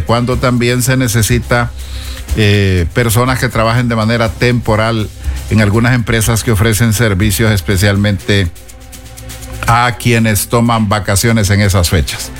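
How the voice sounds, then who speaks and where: A male reporter from Honduras introduces a news story in a plain, mid-range voice, pausing now and then. Faint music plays under him. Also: mid-range voice.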